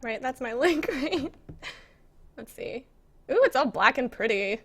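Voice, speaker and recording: An American game map maker streams live from an apartment computer, chatting casually and rambling with self-conscious giggles. She has a high voice with lively intonation and a fairly bright tone, and she speaks a little slowly.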